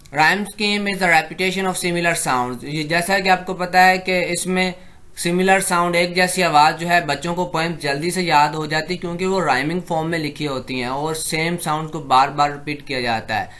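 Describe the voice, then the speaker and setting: A man giving an exam-prep lecture, explaining in Hindi-Urdu and reading English definitions slowly and deliberately. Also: a little high, fairly even intonation, a bit bright. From Pakistan.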